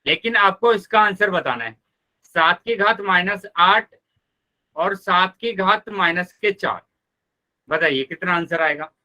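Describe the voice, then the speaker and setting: A male math teacher runs a live online class, speaking in a high, unhurried voice. He patiently walks through the steps, repeats them, and warmly calls his students children.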